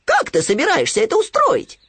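A tiny squeaky piglet in a storybook, jumpy and eager, voice way up high. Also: male voice, wildly swooping pitch, normal speed, a bit bright, no echo, full character voice. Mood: excited. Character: small timid male piglet, excitable.

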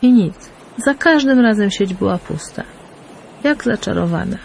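A woman narrating a fairy tale in an expressive, lilting storyteller manner. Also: mid-range voice, a little slow, gravelly, slight background noise. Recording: faint background music.

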